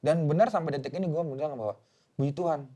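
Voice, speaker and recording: A young man, telling a personal story in casual chat on a podcast, animated and acting out quotes. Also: fairly high pitch, quick pace, highs cut off. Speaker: podcast co-host.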